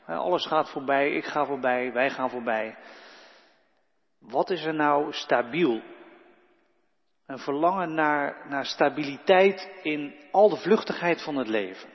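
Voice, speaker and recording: Brief: slightly high-voiced male pastor, calm and reflective, preaching in a reverberant church. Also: measured pace. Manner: calm, reflective preaching that speaks to listeners directly. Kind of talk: sermon. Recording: echoey church hall, dull lo-fi sound.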